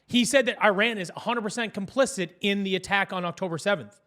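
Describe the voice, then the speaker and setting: Male news host, high-pitched and rapid, blunt, profane, casual political chat. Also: fairly bright tone.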